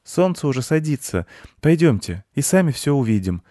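A man voices an eager young boy, pitching his somewhat dark-toned voice fairly high, above his natural register but still close to everyday speech. He sounds eager and questioning at a normal speed, recorded clean in a studio with no room sound.

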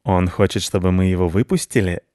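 A man voicing a big, predatory male cat who talks slowly and menacingly, for a storybook reading. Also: sits low, a little mellow, dry recording, clean studio sound, close to an everyday voice. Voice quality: slow, menacing.

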